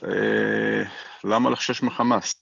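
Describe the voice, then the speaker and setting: A middle-aged man from Gaza with an Israeli accent and a gravelly voice, answering interview questions haltingly over the phone. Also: lowish voice, steady tone, a bit bright, no room sound. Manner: halting, searching for words. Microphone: phone call. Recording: muffled, dull phone line.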